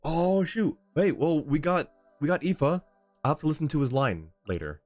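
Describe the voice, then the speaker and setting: This streamer's voice is on the high side with a darkish tone, and he is very animated at a normal speed. Game music plays as he casually comments on gameplay, muttering short thoughts and talking to chat.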